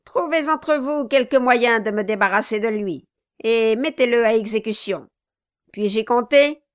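A bullying male dwarf barks and sneers in a raised, high-set voice, as a woman reader puts him on. He is domineering and scheming, in a dry, close storybook recording. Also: unhurried, no room sound, close to an everyday voice. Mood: scornful. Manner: loud, mocking, bullying. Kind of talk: audiobook character reading.

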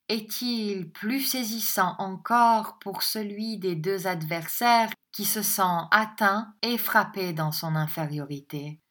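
A woman narrating a classic novel as an audiobook, in a measured, deliberate way. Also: on the low side, a bit bright.

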